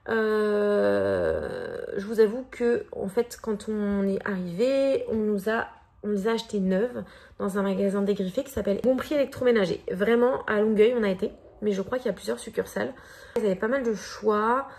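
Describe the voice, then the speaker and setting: A woman's voice: medium pitch, lively intonation, moderate pace, creaky, darkish tone. A woman in her thirties from France with a French accent, chatting casually in a vlog with many hesitations and fillers. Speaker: vlogger.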